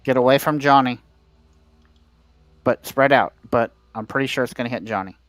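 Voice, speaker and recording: Man, raid leader, voice chat, calm directions, hesitant ums, smooth clear voice. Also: medium pitch, moderate pace, no room sound, low-quality recording. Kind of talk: gaming voice chat.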